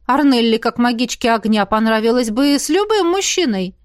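A woman's voice: a little high, expressive, moderate pace, lightly acted. A woman reading an audiobook, voicing an unflappable young female student who asks matter-of-fact questions. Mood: inquisitive.

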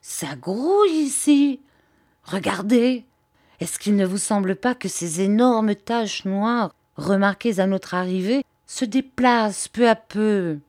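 A woman's voice: fairly low pitch, expressive, unhurried, gravelly, dry recording. A woman voicing a mocking, wisecracking Parisian male reporter in a storybook reading. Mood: alarmed. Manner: jokey, cheeky banter.

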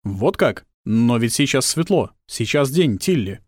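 A courteous household robot, read by a male narrator, talks slowly and formally, pausing as if unsure of himself. The voice stays at an ordinary male pitch. The recording is close and dry. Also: sing-song, a little mellow, dry recording. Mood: measured. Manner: slow, measured, formal and hesitant.

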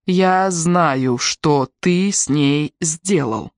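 A reader voicing a frightened teenage girl who pleads in a hushed, trembling voice. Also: medium pitch, normal speed, no room sound, clean studio sound, lightly acted.

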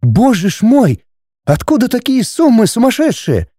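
A man voicing a haughty, scornful aristocratic wife and mother in an audiobook, raising his voice into a high, dismissive tone. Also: very animated, moderate pace, dark tone, dry recording, clean studio sound. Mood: shocked. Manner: shrill, dismissive, indignant.

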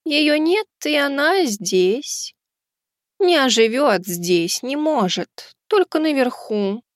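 A woman voicing a small floating cat girl spirit in an audiobook, speaking in slow, halting fragments. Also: high voice, sing-song, no echo, clean studio sound, full character voice. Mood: dreamy. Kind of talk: audiobook character voice.

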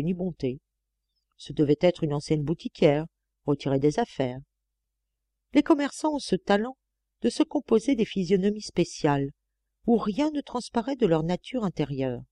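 A woman narrating a literary audiobook in a measured, expressive reading. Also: lowish voice, dry recording. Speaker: audiobook reader.

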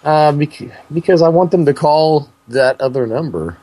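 A man's voice: fairly high pitch, moderate pace, dark tone, low-quality recording. A man hosting a prank call show, talking in a crude, goofy, rambling way. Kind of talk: casual prank call banter.

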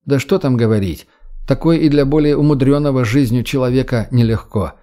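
A man narrating an audiobook in a steady, dramatic storytelling manner. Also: medium pitch, fairly quick.

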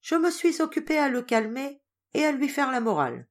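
A woman doing a merry young girl who chatters on in a bright, high voice. Her pitch leaps around as she tells her story. This is a storybook audiobook reading. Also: big pitch swings, brisk. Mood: lively. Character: cheerful talkative young girl.

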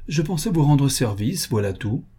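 A haughty, sharp-tongued old baroness, voiced by a male narrator in a storybook reading, her voice pitched well up and slightly husky. She speaks in a pointed, offended, queenly way. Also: very animated, normal speed.

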